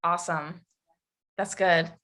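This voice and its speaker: Easygoing woman host, lower voice. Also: fairly even intonation, takes it slowly, fairly bright tone. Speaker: podcast host. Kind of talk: casual interview chat.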